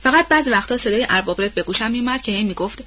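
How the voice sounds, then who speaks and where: A woman's voice: on the high side, lively intonation, fairly bright tone, highs cut off. A woman reading as a fretful old nanny. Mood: worried. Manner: colloquial, rambling and worried. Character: old household nanny woman, anxious and gossipy. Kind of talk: audiobook role-play reading.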